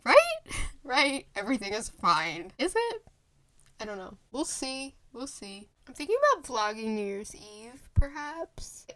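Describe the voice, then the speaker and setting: A woman's voice: fairly high pitch, sing-song, a little slow, fairly bright tone. A woman in her twenties chatting casually to the camera in a rambling vlog, full of fillers and restarts. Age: 20s. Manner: rambling, filler-heavy, self-interrupting. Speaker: vlogger. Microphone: phone camera.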